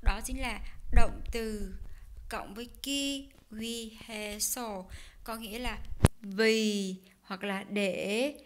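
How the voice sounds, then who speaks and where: A woman teaching a casual online language lesson, explaining slowly with many fillers and pauses. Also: fairly high pitch, steady tone, a little hiss or hum. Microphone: desk mic while writing notes on screen.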